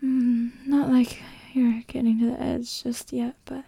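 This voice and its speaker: Breathy woman in close-up ASMR role-play. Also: on the high side, level tone, unhurried, dry recording. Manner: close, intimate soft-spoken, right in the listener's ear. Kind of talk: soft-spoken intimate erotic ASMR role-play addressed to one listener. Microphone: very close microphone, dry.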